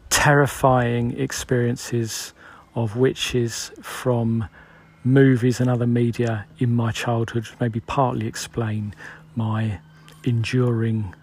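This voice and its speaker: A man's voice: mid-range voice, darkish tone, slight background noise. A British man in his forties, host of a solo podcast, musing aloud in a loose, rambling way.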